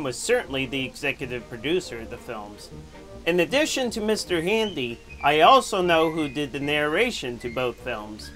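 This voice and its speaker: A man's voice: on the high side, bright, forceful tone. A man hosting a film showcase, giving scripted film history commentary in a formal presenter's delivery.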